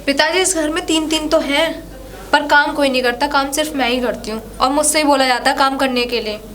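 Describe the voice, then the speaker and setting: A woman's voice: sits high, steady tone, a little fast, a bit bright, a little hiss or hum. A woman playing an overworked young daughter-in-law. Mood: complaining. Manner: complaining, pleading. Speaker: daughter-in-law in a family skit. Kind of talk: village comedy skit acting.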